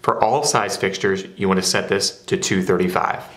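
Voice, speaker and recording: A man's voice: low voice, steady tone, normal speed, a bit bright. A man narrating a step-by-step product how-to in a plain, methodical way. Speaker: product demonstrator. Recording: roomy echo.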